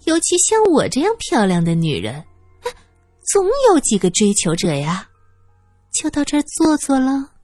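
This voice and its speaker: A woman voicing a shrill, melodramatic middle-aged wife, a former dancer who whines and wails shamelessly in a storytelling recording. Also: wildly swooping pitch, normal speed, mellow, no echo, soft background music. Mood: gossipy. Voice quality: shrill, theatrical wailing.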